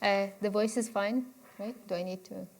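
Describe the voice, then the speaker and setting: A woman's voice: mid-range voice, fairly even intonation, normal speed, vocal fry, slight background noise. A woman, giving a conversational university lecture and inviting the audience to interrupt with questions. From Egypt. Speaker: guest speaker.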